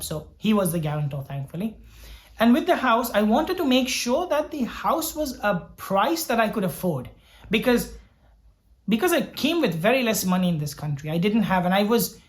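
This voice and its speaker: Earnest man from Sri Lanka telling his story. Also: sits high. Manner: reflective, earnest, repeats words while thinking. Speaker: doctor vlogger. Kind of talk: personal storytelling vlog.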